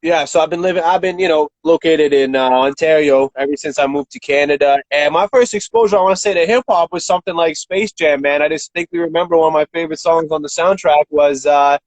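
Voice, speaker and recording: A man's voice: a little high, quick pace, hardly any pauses, no room sound, low-quality recording. A man in his thirties from Russia, a rapper talking as an interview guest in a laid-back way, swearing freely and filling with "like" and "man.". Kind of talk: casual interview chat.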